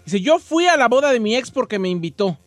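Fast-talking radio co-host. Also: male voice, very high voice, sing-song, no echo, faint music behind. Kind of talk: reading listener messages on comic radio.

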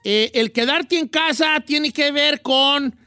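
A man's voice: extremely high pitch, slow pace, sharp tone, no echo. A man hosting a comedic radio show, telling folksy, rambling stories and joking with his co-hosts. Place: radio studio.

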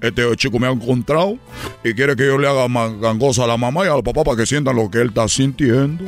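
A man voicing a grumpy male lamp genie with a Cuban accent, who turns exasperated and shouts when annoyed. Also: medium pitch, fast talker, soft background music, pitched below the performer's own voice, natural voice. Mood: grumbling.

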